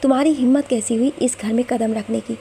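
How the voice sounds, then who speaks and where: Strict older mom-in-law, woman narrator voicing her, gravelly warm tone. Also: fairly high pitch, steady tone, brisk, a little hiss or hum, close to an everyday voice. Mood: stern. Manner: stern, commanding. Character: stern older mother-in-law of the house.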